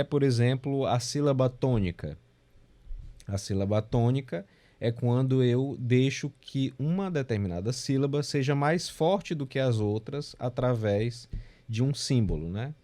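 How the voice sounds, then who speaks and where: Heard through a remote class recording, this Brazilian music theory teacher has a mellow, mid-range voice. In his remote lecture he counts beats out loud, explains things with patience and tacks tag questions onto many sentences.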